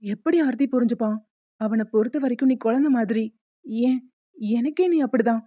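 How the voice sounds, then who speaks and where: A woman voicing a gentle young husband in a cartoon, soothing and patient. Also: fairly high pitch, brisk, dry recording, lo-fi sound, close to an everyday voice. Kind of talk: cartoon voice acting.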